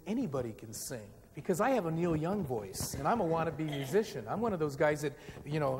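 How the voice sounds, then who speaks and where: A middle-aged forum speaker with a fairly high voice lectures from a podium mic on the stage of a large, dark auditorium. He's conversational and self-deprecating, even getting the live audience to sing. The hall is reverberant, with a faint hiss.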